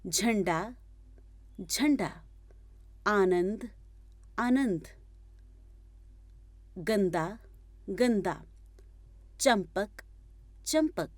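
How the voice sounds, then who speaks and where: A woman's voice: mid-range voice, a little mellow, no echo. A woman reading a grammar textbook aloud as a lesson, going through word lists one at a time.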